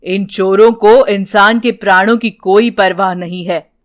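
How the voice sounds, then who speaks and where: A woman's voice: mid-range voice, fairly even intonation, measured pace, voice pushed down, lightly acted. A woman voicing a kindly elderly male holy man in a storybook, speaking in a soothing, reassuring way. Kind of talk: storybook character voice.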